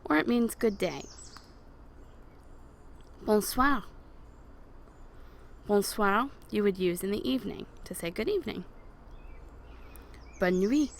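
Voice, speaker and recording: A woman teaching a beginner French lesson, patiently explaining and modeling words slowly for learners to repeat. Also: medium pitch, expressive, gravelly, slight background noise. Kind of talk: recorded language lesson over slides.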